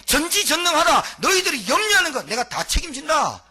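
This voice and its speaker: A man's voice: very high voice, very animated, fairly quick, pushed and bright, voice pushed up, exaggerated voice. A male pastor speaking in the voice of God, making stern, declamatory pronouncements. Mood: commanding. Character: God, almighty, stern and commanding.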